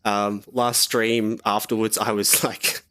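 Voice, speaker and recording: A young man speaks in a fairly low voice at a slow pace, casually talking through a game on a live stream. He sounds slightly sick and sniffly, and his relaxed, rambling delivery is full of fillers.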